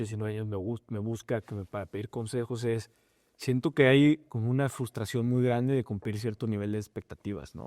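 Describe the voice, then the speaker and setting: A young man with a Mexican accent, a startup founder talking through a relaxed, reflective interview with many fillers. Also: medium pitch, no echo, clean studio sound. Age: young adult. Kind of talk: casual interview conversation.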